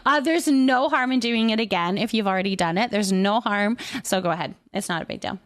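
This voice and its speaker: Medium in pitch and fairly quick, this woman hosts a casual livestream, chatting as she reads and answers comments. She often repeats her phrases in an affirming way.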